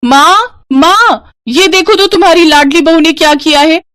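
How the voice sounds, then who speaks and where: A woman's voice: high voice, animated, unhurried, pitched above the performer's own voice. A woman voicing a spoiled, scheming young sister-in-law who whines and accuses. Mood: accusing. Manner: whiny, accusing, sharp.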